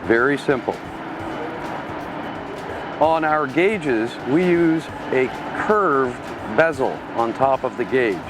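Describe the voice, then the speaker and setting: Male plant tour presenter, mid-pitched, plain-spoken product explainer with music clearly underneath. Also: expressive, takes it slowly, pauses often. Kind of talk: explanatory promotional product walkthrough.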